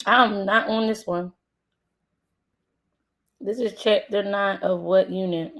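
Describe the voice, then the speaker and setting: A woman learning Spanish on a casual livestream, muttering to herself and repeating drills haltingly. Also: medium pitch, fairly even intonation, fairly bright tone. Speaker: live streamer learning Spanish. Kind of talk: casual live self-study, repeating drills.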